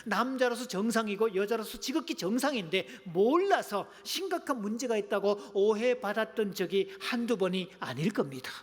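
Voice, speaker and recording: A middle-aged man preaching a sermon, his voice sitting high for a man and full of playful, engaging humor as he keeps calling on the congregation. His voice carries a long reverb from the church hall around him. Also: lively intonation, moderate pace, few pauses. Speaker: pastor. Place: church sanctuary.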